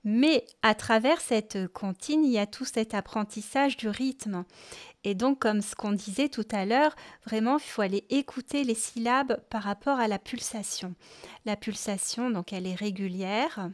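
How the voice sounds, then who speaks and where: A woman from France hosting a music lesson podcast for parents, explaining gently and singing short rhymes. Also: a little high, unhurried. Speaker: music teacher and podcast host.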